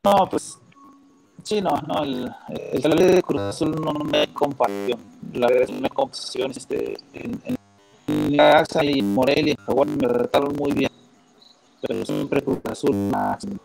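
A man speaks as an interview guest, his voice coming through clipping, distorted call audio. He talks slowly and haltingly, with a gravelly edge and faint music behind him. He is a little higher-pitched than most men. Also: expressive. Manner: halting, hesitant, many fillers. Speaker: former footballer, guest. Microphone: headset over an internet call.

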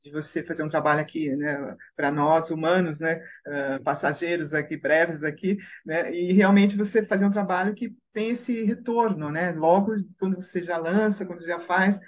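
Brazilian singer in her middle years, guest on a radio show, chatty and excitable, recording slightly muffled. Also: fairly low pitch, moderate pace, few pauses. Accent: Brazilian Portuguese. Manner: lively storyteller, tag questions, bursts of excitement. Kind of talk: radio interview storytelling.

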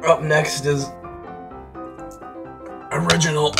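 A man's voice: a little high, takes it slowly, vocal fry. Young guy doing a hot sauce vlog, mouth on fire, yelps a lot, music playing behind. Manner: excitable, talks to viewers, reacts loudly to heat. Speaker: vlogger.

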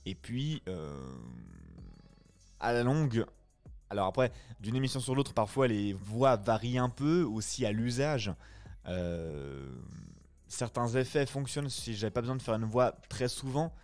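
A man's voice: mid-range voice, sing-song, measured pace, a little mellow, clean tone, soft background music. A man, chatting casually with his live viewers after a reading in a friendly, reflective way. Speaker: streamer and voice-acting reader.

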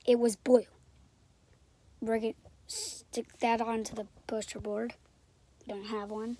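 A woman recording a rambling casual vlog from inside a closet, drifting between soft whispers and excited bursts. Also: on the high side, a little slow, a little hiss or hum. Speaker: video creator.

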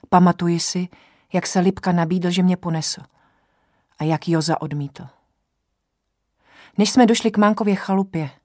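A woman narrating a novel in the first person, in a measured storytelling manner. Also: fairly low pitch, darkish tone, dry recording, studio quality. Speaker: audiobook narrator.

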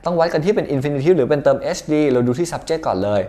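Man, Thai accent, young adult, English grammar tutor, lively, checks in with students. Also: on the high side, fast. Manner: lively, often asks students to confirm. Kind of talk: grammar lesson.

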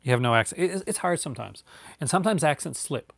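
Slightly high and gravelly, his voice moves with lively intonation at a quick pace, free of room sound. This YouTuber in his forties, from Newfoundland, Canada, with a light accent, rambles casually through fillers and restarts while answering viewer chat live from a home room with bookshelves.

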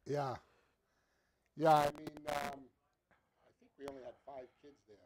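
A man's voice: on the high side, flat delivery, measured pace, a little mellow. A man, a youth basketball coach, chatting casually as a guest on a live show, his mic audio crackling and distorted. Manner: easygoing, rambling with fillers.

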